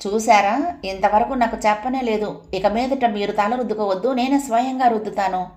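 A woman voicing a caring young wife who gently coaxes her husband, read aloud in a storybook. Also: a little high, normal speed, roomy sound, natural voice. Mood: coaxing. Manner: soft, coaxing.

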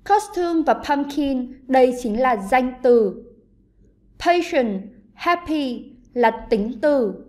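A woman with a Vietnamese accent, teaching an online English lesson to pupils and explaining slowly and carefully. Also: sits high, lively intonation, a little mellow.

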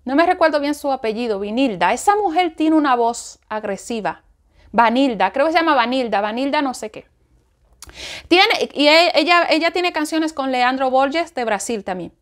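A woman giving an informal Bible study talk, animated and repeating phrases for emphasis. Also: high-pitched, normal speed.

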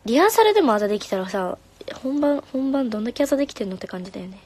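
A young woman, a singer, chatting casually on a live stream, reading comments in a soft, friendly way and sometimes whispering. Her voice is slightly hoarse. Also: a little high, big pitch swings, rapid-fire, no echo. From Japan. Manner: soft and friendly, drops to whispers now and then. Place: home room. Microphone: phone.

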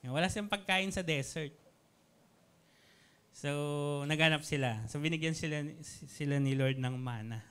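Slow-talking preacher man, smooth voice. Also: a little high, fairly bright tone. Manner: chatty, keeps asking "di ba?", laughs often; reads Bible verses slowly and deliberately. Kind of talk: casual Taglish sermon.

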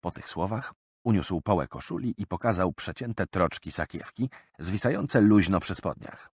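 A man reading an audiobook aloud in an expressive, varied manner. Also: low-pitched, normal speed, slightly rough, no room sound. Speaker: audiobook narrator. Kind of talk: scripted narration.

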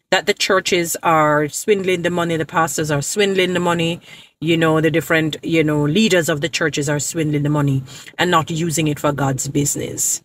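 A woman's voice: low voice, a little hiss or hum. A woman in her thirties talking straight to her phone camera from a parked car, defending churches in an emphatic, lecturing way and repeating points for emphasis. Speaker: social media creator. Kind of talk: direct-to-camera preaching commentary. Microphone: phone camera at arm's length.

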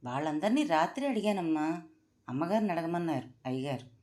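A woman's voice: sits low, expressive, fairly quick, mellow. A woman voicing a timid, deferential male household cook who keeps addressing his mistress politely. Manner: deferential, pleading.

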